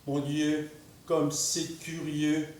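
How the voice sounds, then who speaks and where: An actor playing a formal, earnest gentleman who speaks with slow, ceremonious politeness in a stage play. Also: fairly high pitch, level tone, distant mic, a little hiss or hum. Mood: formal, wondering. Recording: echoey room, miked from afar.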